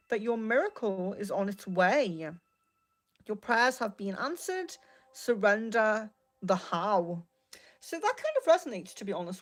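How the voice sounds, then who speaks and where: A woman hosting a casual live card reading, speaking in a gently reassuring, meandering and hesitant way. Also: medium pitch. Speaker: tarot and oracle card reader, live host.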